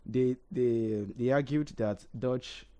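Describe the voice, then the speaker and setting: A man's voice: mid-range voice, slow pace, dark tone. A man co-hosting a casual history talk, often hesitating and repeating words as he thinks. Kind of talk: casual radio history chat.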